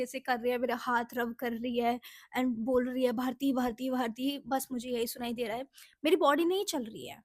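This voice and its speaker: High-voiced woman telling a story. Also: dry recording, studio quality. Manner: chatty, mixes Hindi with English phrases. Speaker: vlogger. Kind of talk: casual storytelling to camera.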